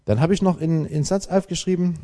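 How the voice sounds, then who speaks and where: A man preaching a sermon, emphatic and lively, with dramatic pauses. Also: a little high. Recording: long hall reverb.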